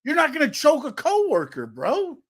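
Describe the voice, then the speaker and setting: A man's voice: very high-pitched, wildly swooping pitch, moderate pace. A man co-hosting a casual wrestling talk show, arguing back with slang and cutting in. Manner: argumentative, slangy, interrupts. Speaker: co-host.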